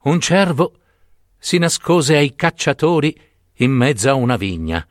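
A man reading fables aloud as a storyteller, expressive and lingering. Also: mid-range voice, unhurried.

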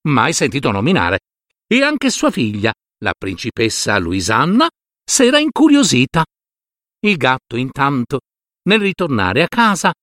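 A man narrating a fairy tale in a scripted, expressive way, stretching out key words. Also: dry recording, clean studio sound. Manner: expressive, with dramatic swings of pitch and slowed key words. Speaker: storyteller.

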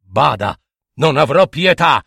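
A man voicing a proud, hairy storybook monster who makes loud, boastful threats. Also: on the high side, expressive, slow, vocal fry, husky, no echo, clean studio sound, heavily acted. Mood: angry. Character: proud hairy monster, blustering and easily hurt.

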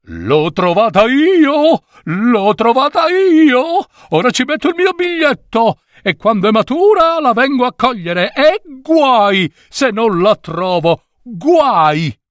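A man doing a shrill, possessive doctor. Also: very animated, a bit bright, no echo, clean studio sound, heavily acted. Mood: triumphant. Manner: shrill, drawn-out, boastful. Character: possessive excited male passenger, a doctor.

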